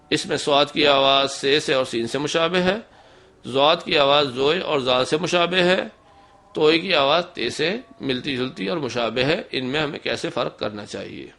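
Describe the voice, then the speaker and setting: Bright-voiced man teaching recitation. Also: a little high. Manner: methodical, demonstrates letter sounds slowly. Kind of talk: instructional lesson.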